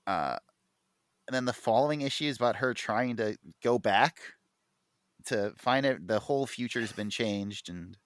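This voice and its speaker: Talking comic books on a podcast he co-hosts, a man is eager and casual, filling his speech with fillers and false starts. He has an expressive, medium-pitched voice at normal speed, with clean studio sound and no room sound.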